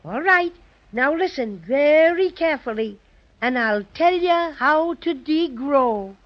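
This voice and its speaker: High-voiced little Irish teddy bear. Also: animated, slow. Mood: eager, encouraging. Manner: jaunty, playful storybook brogue. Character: small four-inch Irish teddy bear, chipper, boastful, kindly. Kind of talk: 1930s children's radio serial acting. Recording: dull vintage 1930s radio recording.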